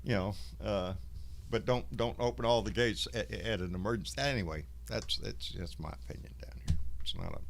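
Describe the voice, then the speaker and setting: Low-voiced Southern man with a folksy drawl. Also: brisk, creaky, slight background noise. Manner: salty, profane. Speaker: host of a live online show. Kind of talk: casual livestream chat.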